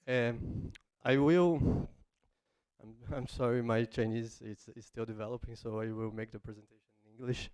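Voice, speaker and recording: A male academic gives a research presentation. His voice is crisp and resonant at a middle pitch, with hesitant, searching phrasing. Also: fairly even intonation, moderate pace, a little mellow.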